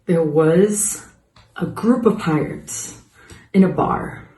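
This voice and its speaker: A woman telling a joke story in an unhurried, plain way. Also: on the low side, dark tone. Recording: roomy echo.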